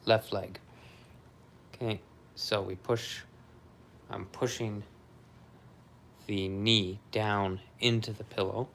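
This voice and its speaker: A man casually talking through an exercise demonstration and counting out repetitions in a low-key, often murmured way. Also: flat delivery, slow pace, pauses often, fairly bright tone, a little hiss or hum. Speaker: vlogger recovering from surgery, demonstrating exercises.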